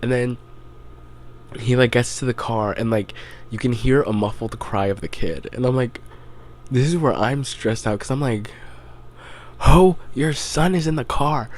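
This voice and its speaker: A man's voice: mid-range voice, moderate pace, darkish tone, slight background noise. A young man hosting a podcast, casually recapping a story in a loose, rambling way full of "like" and the odd swear word. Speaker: podcast host.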